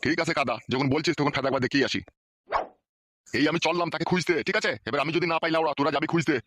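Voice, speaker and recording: A man's voice: a little high, steady tone, rapid-fire, a bit bright, dry recording, studio quality, lightly acted. A man playing a crude, grumbling old father-in-law in a cartoon, swearing as he talks. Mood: cursing. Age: older. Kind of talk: cartoon voice acting.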